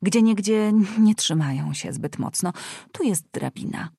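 A woman reading aloud, voicing a fussy, scolding older aunt who talks in an excitable, bossy way. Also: lowish voice, unhurried, gravelly, husky, no echo, studio quality, full character voice. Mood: excited scolding.

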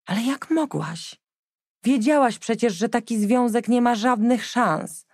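A woman doing a calm, firm queen mother. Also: on the high side, measured pace, dry recording, studio quality, voice pushed up. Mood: shocked. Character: composed middle-aged queen mother. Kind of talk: audiobook character voice.

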